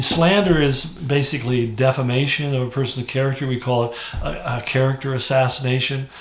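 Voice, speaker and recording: A man's voice: mid-range voice, roomy sound. A man, a pastor, giving a conversational morning devotional, with fillers and restarts. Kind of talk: devotional teaching.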